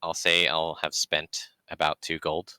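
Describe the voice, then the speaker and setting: A man playing a tabletop role-playing game in casual chat, laughing often and halting with many fillers. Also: extremely low pitch, completely flat delivery, sharp tone, smooth, no echo.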